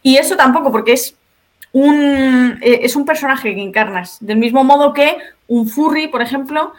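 In a podcast conversation, a woman from Spain speaks at a moderate pace in a high voice. The video creator lays out each point methodically, explaining them one after another as a guest.

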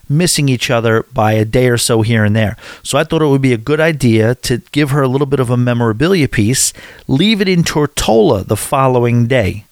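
A man's voice: mid-range voice, no echo, studio quality. An American man casually recapping his trip in a rambling, chatty way, with frequent restarts. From USA. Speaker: cruise vlogger.

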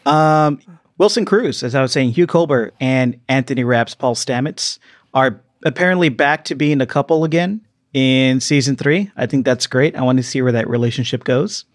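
A man's voice: medium pitch, moderate pace, no echo. A man hosting a casual podcast, steering the talk with jokes. His voice sits in an ordinary middle range. The sound is dry and close, with no room around it. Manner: joking, leads the segments. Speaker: podcast host. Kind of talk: casual chat. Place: studio, live stream.

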